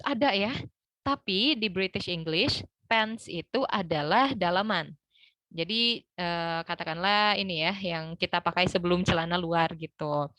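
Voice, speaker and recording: A woman's voice: mid-range voice, sharp tone, dry recording. A young woman teaching an online English class, explaining step by step with frequent fillers. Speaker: English tutor.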